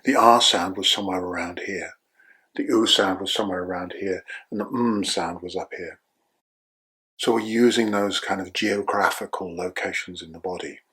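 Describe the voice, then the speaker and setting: Older man, husky, calm breath guide. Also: deep voice. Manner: calm, slow guiding with checking "yeah?". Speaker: breathwork teacher.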